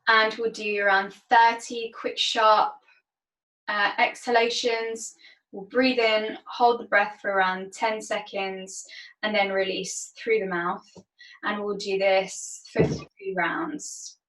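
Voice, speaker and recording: A woman leading a yoga and breathwork class, giving calm step-by-step cues and counting breath holds aloud. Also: mid-range voice, slow. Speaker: yoga instructor. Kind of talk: guided yoga and breathwork instruction. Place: yoga studio. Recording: roomy, distant mic.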